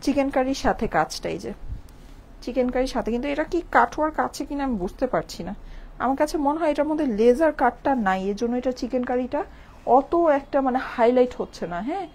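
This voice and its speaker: A Bangladeshi woman selling clothes on a live stream, chatty and a little hoarse from a cold, checking in with viewers after almost every line. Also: high voice, lively intonation, fast talker, a little mellow. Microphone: phone with clip-on mic.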